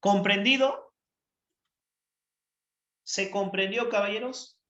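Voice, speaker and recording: A man teaching anatomy in an online class, animated and storytelling, often asking if everyone follows. His voice is a little high and bright, with a roomy echo. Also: slow, dull audio. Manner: animated, checks understanding.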